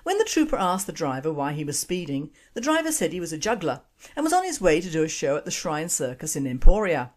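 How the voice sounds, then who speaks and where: Brief: woman radio host, lower-pitched, reads script in a steady, deliberate way. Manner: measured, deliberate reading. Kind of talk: scripted radio commentary and jokes.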